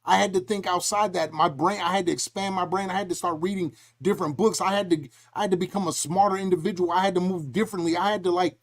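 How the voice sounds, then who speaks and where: A middle-aged man hosting a casual podcast, his voice sitting a touch higher than most men's. He tells his stories with animation and slips into acted-out voices along the way. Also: fast talker, hardly any pauses. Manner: animated storytelling, acts out quoted voices. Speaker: podcast host.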